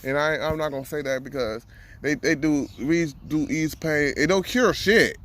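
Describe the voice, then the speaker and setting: A man talking in a casual monologue, emphatic, with loud stressed jumps and frequent restarts as he gives his opinion. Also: fairly high pitch, normal speed.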